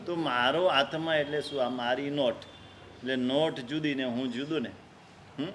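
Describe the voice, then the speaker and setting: A man's voice: fairly high pitch, bright, forceful tone, slight background noise. A man, a Jain monk, giving a sermon and acting out a story, voicing the characters' cries with rising emotion.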